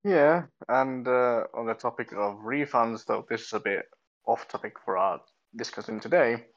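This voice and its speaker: A man chatting casually on a gaming podcast, relaxed and a little wry. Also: mid-range voice, normal speed. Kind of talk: casual chat. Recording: dull lo-fi mic.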